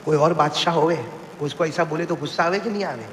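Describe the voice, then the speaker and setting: A man preaching an impassioned sermon at a live gathering, prompting the seated crowd to call back praise and swinging between soft pleading and high cries. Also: slight background noise. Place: religious gathering before a seated audience. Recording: echoey hall with long reverb, faint ambience.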